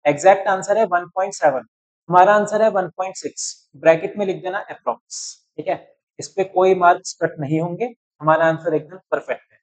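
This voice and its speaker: Speaking a little fast in a high voice, the young man works through a chemistry calculation step by step in a chalkboard-style walkthrough. He often checks whether his students are following. The recording is rough.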